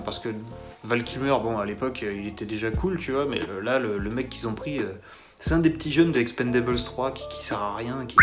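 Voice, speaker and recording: A man giving a casual solo film review, sarcastic and mocking as he rambles along. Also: medium pitch.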